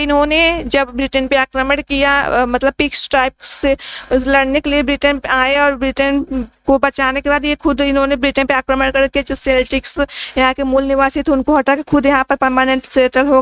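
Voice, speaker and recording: A woman's voice: sits high, a bit bright, no echo. A woman teaching an exam-prep literature lesson, asking questions and answering them herself, repeating key points and reading English lines into her explanation.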